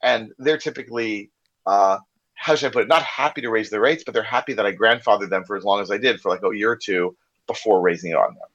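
An American corporate trainer guesting on a podcast speaks quickly in a fairly low, fairly bright male voice. He tells an open, candid story in casual conversation and acts out quoted speech. The sound is lo-fi and slightly dull.

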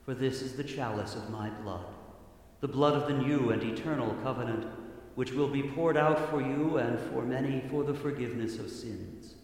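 Male priest saying Mass, medium pitch, solemn and measured, long cathedral reverb. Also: a little mellow. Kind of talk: solemn liturgical prayer recitation. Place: large echoing church. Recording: cathedral-like echo, long reverb, clear background noise.

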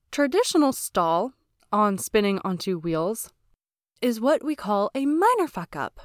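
A woman's voice: mid-range voice, no echo, studio quality. A woman hosting her own casual knitting podcast. She talks chatty and candid, mocks herself, and swears freely. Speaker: podcast host. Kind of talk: casual solo podcast chat.

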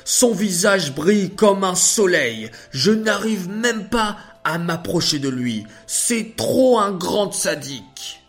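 Urgent, high-pitched angel of death played by a male narrator, slow. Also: lively intonation, a bit bright, soft background music, exaggerated voice. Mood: apologetic. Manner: pleading, exclaiming.

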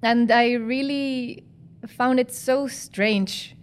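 Woman guest, fairly high voice, chatty, hesitant phrasing. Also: steady tone, drawn-out words. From Chile. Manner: chatty, searching for words, laughs often. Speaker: guest, former physician and master's student. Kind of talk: podcast interview.

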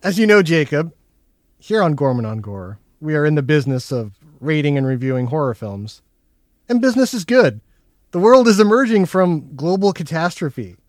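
A man's voice: a little high, very animated, normal speed, a little mellow, no room sound, clean studio sound. A man hosting a casual film chat podcast, talking in a jokey way with touches of mock-formal showman patter. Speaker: podcast host.

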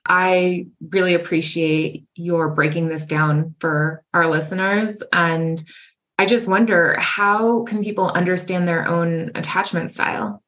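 A woman's voice: fairly low pitch, steady tone, measured pace, a bit bright. A woman hosting a podcast interview, asking brief, attentive questions. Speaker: podcast host.

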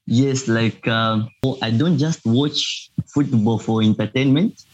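A man's voice: mid-range voice, takes it slowly, muffled recording. A young man from Zambia, a student guest in a casual interview, speaking hesitantly with many fillers. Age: young adult.

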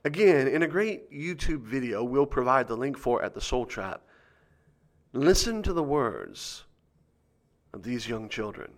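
A man's voice: mid-range voice, sing-song, a little slow. A man hosting a conspiracy show, reading scripted commentary with dramatic emphasis and rhetorical questions.

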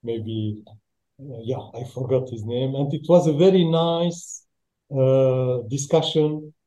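Dark-voiced Lebanese man, echoey sound. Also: mid-range voice. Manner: halting, searches for English words. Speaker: interview guest, roofing business owner. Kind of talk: conversational storytelling in an interview.

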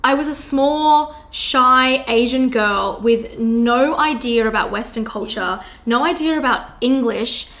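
A young woman from China, co-hosting a casual podcast and chatting responsively. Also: a little high. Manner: warm, responsive listener with frequent laughs and quick backchannels. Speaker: podcast co-host.

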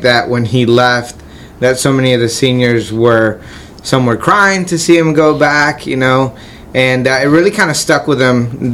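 A man who was born in Colombia and raised in Florida, a nonprofit CEO answering interview questions in a relaxed, friendly way with frequent fillers. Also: medium pitch, slight background noise.

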